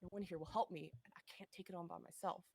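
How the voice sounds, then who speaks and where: A woman's voice: lowish voice, steady tone, fast talker, darkish tone, lightly acted. Woman voicing a desperate man hunting a beast. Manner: urgent, pleading.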